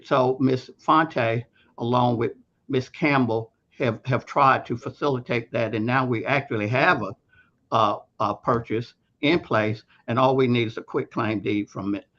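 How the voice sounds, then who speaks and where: A male attorney lays out his argument in a remote hearing, stalling and repeating words as he goes. His voice sits at an ordinary pitch. It comes through a muffled, dull video call line. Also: steady tone, fairly bright tone. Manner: halting, repeats words often. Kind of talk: courtroom argument.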